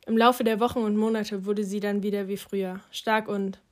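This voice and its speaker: A woman voicing a grave, weary middle-aged father in an audiobook, subdued and halting. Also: medium pitch, level tone, close to an everyday voice. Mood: somber.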